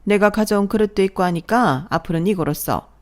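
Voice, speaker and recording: A woman's voice: mid-range voice, fairly quick, darkish tone, lightly acted. Woman playing a sarcastic scolding mother-in-law.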